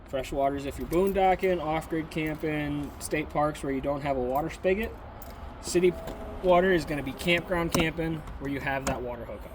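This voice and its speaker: A man's voice: a little high, normal speed. A man giving a practical, step-by-step outdoor walkthrough of an RV's systems. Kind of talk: casual instructional walkthrough. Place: outdoors beside an RV. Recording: outdoor recording with clear background noise.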